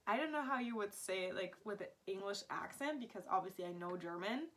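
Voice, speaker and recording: A young woman from Florida in the United States vlogs casually to the camera about language, her voice medium-pitched, animated, fairly quick and a bit bright. She giggles and laughs often, and her chatty talk is full of "like."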